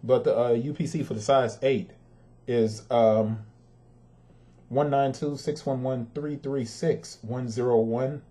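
This father, an adult with a son, has a mellow, steady mid-range voice and takes his time. His sneaker review is casual and emphatic, aimed straight at viewers as he airs his frustrations.

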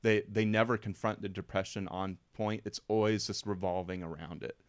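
Smooth-voiced man rambling about films. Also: fairly low pitch, steady tone, moderate pace, no echo. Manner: rambling, emotional, filler-heavy. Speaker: podcast co-host. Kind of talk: casual film review chat.

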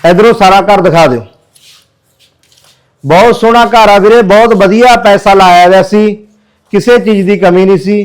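High, smooth-voiced man making an earnest appeal. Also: moderate pace, long pauses, poor audio. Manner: earnest, pleading, addresses viewers as brothers. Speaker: social worker. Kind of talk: charity appeal walkthrough video.

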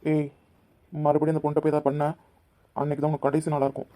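Rough-talking man in a cartoon. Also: a little high, monotone, quick pace, dark tone. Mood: confrontational. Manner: rough, confrontational street talk. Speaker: cartoon voice actor voicing several young men. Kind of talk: dubbed cartoon dialogue.

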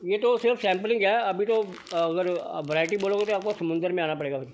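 The speaker is a man from Punjab, India, with a high, fairly quick voice and a slight hiss or hum on the recording. He films his way through an indoor blanket shop on his phone, praising the goods in repetitive, upbeat sales talk like a typical shop video vlogger.

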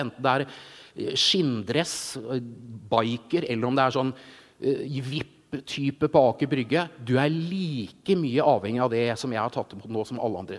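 A middle-aged man gives an informal sermon testimony, telling his story in an animated way and acting out voices. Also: mid-range voice. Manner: animated storytelling, acts out voices, frequent "ikke sant". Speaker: preacher. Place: large church hall. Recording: reverberant church hall.

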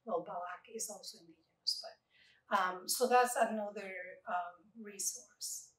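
A woman poet answering audience questions, slow and thoughtful, with many fillers and restarts, standing at a lectern in a library meeting room. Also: medium pitch, a bit bright. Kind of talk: unscripted Q&A at an author talk. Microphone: far room mic. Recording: echoey room recorded from far off.

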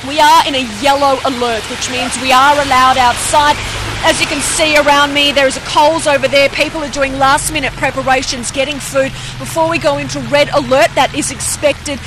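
A woman's voice: sits high, steady tone, normal speed. A young Australian woman giving a live news report outdoors, raising and projecting her voice over the weather. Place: outdoors on a flooded town street in rain. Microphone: handheld reporter microphone. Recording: loud rain, wind and passing traffic noise. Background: rain and passing vehicles.

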